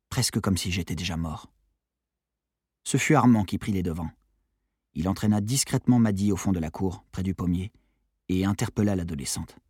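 A man narrating a novel in a low, quiet storytelling tone. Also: breathy edge, dry recording, studio quality. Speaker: audiobook narrator. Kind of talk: scripted narration.

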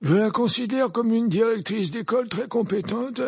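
A man voicing a serene, wry very old male headmaster who speaks calmly and evenly. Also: extremely high pitch, slightly rough, pitched above the performer's own voice, heavily acted. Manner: calm, even, unhurried.

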